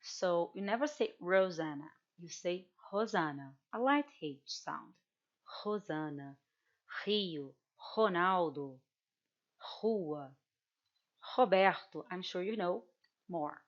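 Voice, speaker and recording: A Brazilian woman teaches English in an online language workshop, speaking with a Brazilian Portuguese accent in an unhurried, measured yet animated way. Her voice sits a little low for a woman, and she patiently repeats example words. The audio is dull and lo-fi.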